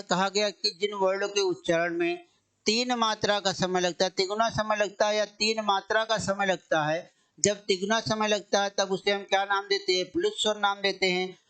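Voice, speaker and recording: High, smooth-voiced male Hindi teacher. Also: a bit bright. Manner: asks the class questions and answers them himself; repeats key phrases, drawing words out slowly. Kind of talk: exam-coaching grammar lesson.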